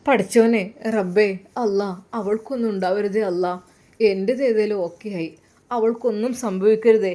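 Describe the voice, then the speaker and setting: A woman voicing an anxious young man who speaks quietly and hesitantly. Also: medium pitch, fairly even intonation, moderate pace, lightly acted. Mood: worried.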